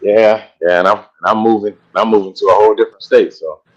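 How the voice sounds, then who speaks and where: A man in casual sports-show chat, laid-back and agreeable, quick to back others up. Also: on the low side, fairly even intonation, a little mellow. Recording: dull lo-fi mic.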